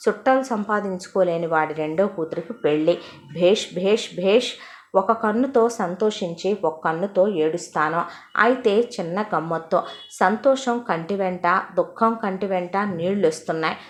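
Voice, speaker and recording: A woman's voice: mid-range voice, normal speed, natural voice. A woman voicing a rambling, half-mad elderly father who speaks in philosophical wordplay, for an audio story. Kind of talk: Telugu audio story acting.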